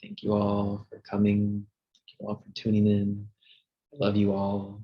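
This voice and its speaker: Calm low-voiced man guiding meditation. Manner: calm, gentle, unhurried guiding. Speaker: host and meditation guide. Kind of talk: guided practice in a group video call. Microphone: video call. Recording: dull lo-fi video call audio.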